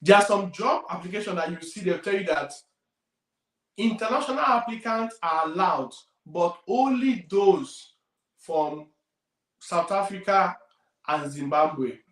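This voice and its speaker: A Nigerian-accented man coaching listeners on careers, his voice pitched a little high for a man. He talks emphatically, hammering points home with swings in volume. He is recorded from a distance, in an echoey room. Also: unhurried. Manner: emphatic, repeats key points, loudness swings widely. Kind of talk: career advice talk.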